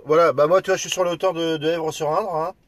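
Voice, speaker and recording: This man from France, an amateur radio operator, has a high, fairly bright voice with a steady tone and a quick pace, recorded without echo. He goes back and forth between call signs and easy conversation, friendly yet a touch hesitant.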